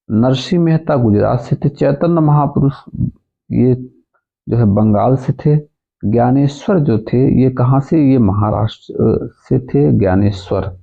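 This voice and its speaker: A man's voice: mid-range voice, gravelly. A male coaching teacher giving an exam-prep lecture, calling his students friends and repeating each key answer. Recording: tinny phone-like audio.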